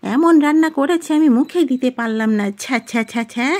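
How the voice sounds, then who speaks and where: A woman voicing a scolding, nagging old mother-in-law in a cartoon story, high and complaining. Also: a little fast, darkish tone, close to an everyday voice.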